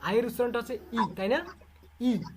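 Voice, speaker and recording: Speaking at medium pitch, briskly and a little mellow, this English literature teacher with a Bangladeshi Bengali accent leads an online lesson, drilling sounds repeatedly and testing students with questions.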